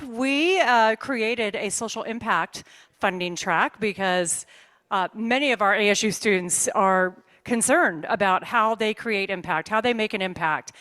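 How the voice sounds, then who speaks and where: A woman's voice: medium pitch, a bit bright. Cheery woman emceeing an awards ceremony, lots of praise. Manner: upbeat, effusive praise. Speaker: event host. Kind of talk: live awards ceremony hosting.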